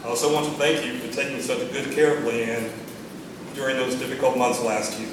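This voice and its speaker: Middle-aged American male, father of the bride speech, medium pitch, sentimental with gentle humor, heavily reverberant and noisy recording. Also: steady tone, fairly quick, far from the mic. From Texas, United States. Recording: echoey room from afar, noisy.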